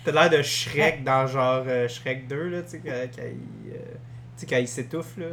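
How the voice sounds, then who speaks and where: Animated tipsy Québécois man. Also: medium pitch, a little slow, slight background noise. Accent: Québécois French. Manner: animated, teasing, laughs often. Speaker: podcast co-host. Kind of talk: casual film-review podcast chat.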